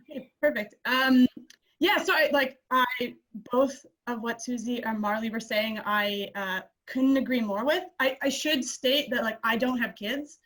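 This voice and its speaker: A woman's voice: a little high, measured pace, a bit bright, poor audio. A young woman on a video call speaking hesitantly, with many fillers. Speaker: panelist. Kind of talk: virtual panel discussion.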